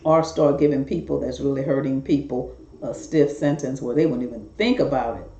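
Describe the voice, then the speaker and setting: A middle-aged talk show host delivers a casual monologue straight to viewers, full of rambling, earnest, repetitive warnings. The voice is medium-pitched, a little fast and warm, and the recording sounds roomy, dull and lo-fi.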